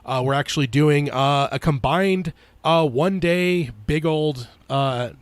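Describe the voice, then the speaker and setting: A man co-hosting a podcast in casual chat, halting and stop-start, his voice slightly weak and strained after being sick. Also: fairly high pitch, smooth, dry recording. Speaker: podcast co-host.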